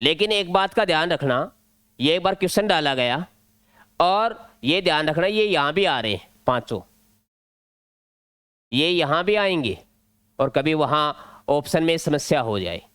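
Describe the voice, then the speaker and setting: A man's voice: fairly high pitch, animated, measured pace, pauses often, a bit bright, smooth, no echo. A male teacher with a Rajasthani Hindi accent, explaining an exam-prep grammar lesson step by step at a board. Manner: step-by-step explaining, drilling points.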